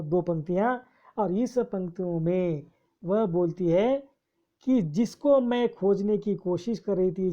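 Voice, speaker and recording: A woman teaching a poem, reciting its lines slowly and then explaining each one. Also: fairly low pitch, lo-fi sound. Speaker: Hindi literature teacher.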